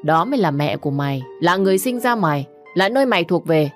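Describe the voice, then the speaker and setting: A woman voicing a fiery young woman who scolds and mocks in quick bursts. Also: lowish voice, lively intonation, soft background music, close to an everyday voice. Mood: mocking. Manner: scornful, rapid scolding. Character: sharp-tongued young woman, fiery and mocking.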